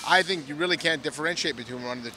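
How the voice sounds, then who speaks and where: A middle-aged man, an industry analyst, explaining in a measured way with occasional "uh"s, interviewed outdoors on a handheld mic. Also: a little high, music in the background. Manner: measured, explanatory, some filler "uh"s. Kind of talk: on-site analysis chat. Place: outdoor plaza at a conference.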